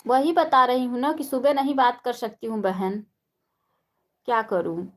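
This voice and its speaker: A woman's voice: on the high side, a little slow. A woman hosting a casual live stream, chatting while doing housework and greeting viewers one by one by name.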